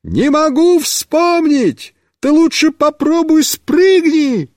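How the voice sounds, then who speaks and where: A man doing a loud, scatterbrained young boy. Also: very high-pitched, lively intonation, takes it slowly, no room sound, clean studio sound, voice pushed up, full character voice. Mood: shouting, excited. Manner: shouting across a yard.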